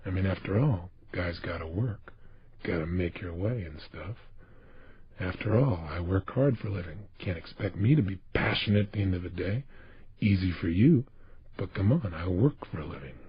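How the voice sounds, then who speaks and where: A man voicing a bored, worn-out working man who grumbles in a flat, low, listless way. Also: brisk, pauses often, husky, no room sound, dull audio. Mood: weary grumbling.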